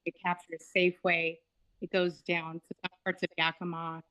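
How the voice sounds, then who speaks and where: A woman speaks in a slightly low voice, earnest and steady, with frequent ums. She comes through a remote video call whose audio is choppy, breaking up and dropping away. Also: moderate pace, poor audio. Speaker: community organizer, podcast guest.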